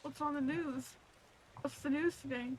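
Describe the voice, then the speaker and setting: A woman's voice: high voice, steady tone, normal speed, a little hiss or hum, rough recording. A woman playing a ranger in a Western role-play game, bantering and asking playful questions.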